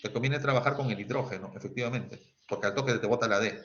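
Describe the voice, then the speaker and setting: Teaching chemistry online, a man with a Peruvian accent quizzes students, keeps asking "¿sí?" and sings little snatches. He speaks fast in a medium-pitched, fairly bright voice, captured with dull lo-fi sound.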